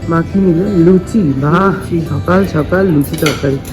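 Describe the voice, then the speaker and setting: Vlogger, casual travel chat, mid-pitched voice, english words mixed in, music playing behind. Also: moderate pace. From West Bengal, India. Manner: chatty, talking straight to viewers, sprinkling in English words.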